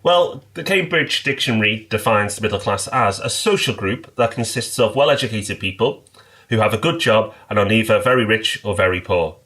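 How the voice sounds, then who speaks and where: A man co-hosting a podcast, explaining in a measured casual way with small restarts. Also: on the low side, expressive, fairly bright tone. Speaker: podcast co-host.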